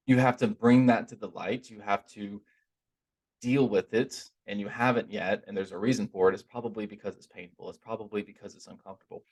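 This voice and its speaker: A man giving an informal, earnest spiritual talk in a conversational, stop-and-start way, his r sounds softened toward w. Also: fairly low pitch. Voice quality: trouble pronouncing r, softened toward w. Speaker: religious teacher giving a talk.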